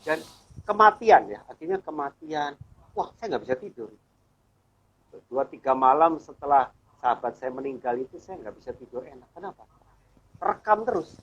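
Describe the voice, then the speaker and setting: A man's voice: a little high, big pitch swings, normal speed, fairly bright tone, husky. A middle-aged man, a church elder, earnestly telling his own faith story in conversation and acting out the dialogue he remembers. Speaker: church elder, guest speaker. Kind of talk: personal testimony in conversation. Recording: dull lo-fi sound.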